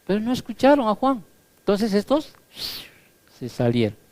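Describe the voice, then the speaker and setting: A man's voice: high voice, big pitch swings, normal speed, darkish tone, no echo. A male pastor preaching a sermon emphatically, often tagging his points with rhetorical questions. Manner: emphatic, peppers lines with rhetorical "¿sí?"; acts out quoted voices.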